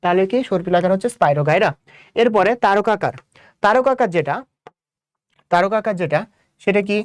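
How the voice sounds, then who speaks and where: A young Bangladeshi man with a Bangladeshi Bengali accent tutors students through exam questions at a brisk clip. He repeats key points and keeps firing rhetorical questions at his class. His voice is recorded close and dry, with no room sound. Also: sits high, expressive, clear, resonant tone, no echo. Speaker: biology tutor. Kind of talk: exam-prep lecture.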